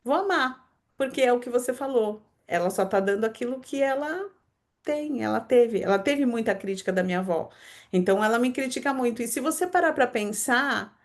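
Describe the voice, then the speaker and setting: A Brazilian woman with a fairly high voice leads a devotional conversation. She tells personal stories in an animated way, pressing on key words and slipping in quick asides. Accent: Brazilian Portuguese. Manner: lively storyteller, animated emphasis, quick asides. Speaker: host of a daily devotional.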